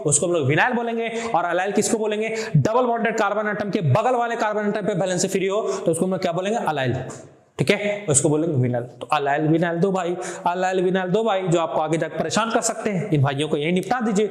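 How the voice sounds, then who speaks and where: A man's voice: sits high, echoey room. A male chemistry teacher giving a classroom lecture, fondly addressing his students and repeating questions in a call-and-response pattern.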